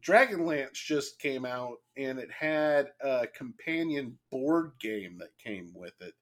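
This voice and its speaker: Guy hosting a podcast, kinda hoarse, bright voice, rambles with lots of uh and like. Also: mid-range voice, expressive. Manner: rambling, halting, lots of fillers and restarts. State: slightly hoarse. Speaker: podcast host. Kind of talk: casual podcast chat.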